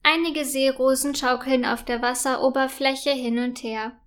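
A woman gently narrating a children's story. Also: high-pitched, steady tone, normal speed, clean tone.

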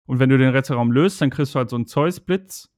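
A man's voice: mid-range voice, quick pace, a little mellow, no echo, clean studio sound. A man chatting casually on a podcast about a video game, talking in a rambling, hesitant way with many fillers.

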